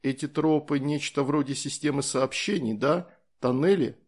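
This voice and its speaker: A man's voice: on the high side, normal speed, husky. A man voicing a curious, worried young boy in an audiobook, asking questions in a slightly raised voice.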